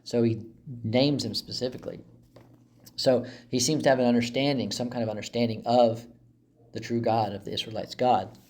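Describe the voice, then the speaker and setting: A man teaching through a Bible passage in a relaxed, conversational way, with frequent asides and fillers. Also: mid-range voice, moderate pace.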